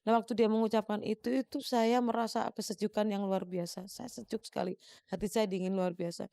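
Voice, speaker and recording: A middle-aged woman recounting a personal story in an animated way, acting out the dialogue she quotes. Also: medium pitch, a little fast, vocal fry, no room sound, clean studio sound. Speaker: interviewee telling her story.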